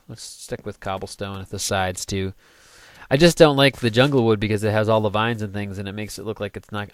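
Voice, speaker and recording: A young man with a slightly low voice talks casually over a video game. He rambles between building tasks and cracks jokes. He sings goofy snippets now and then, and the sound suggests a desk microphone. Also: no echo. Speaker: gaming let's play host. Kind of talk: casual gameplay commentary.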